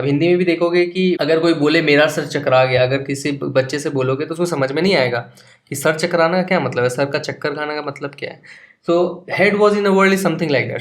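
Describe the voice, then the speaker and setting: Indian man as a patient school English teacher, slightly raised pitch, slow repetition of key words. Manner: mixes Hindi and English, slow explanatory repetition. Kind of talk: classroom lesson explanation in Hindi and English.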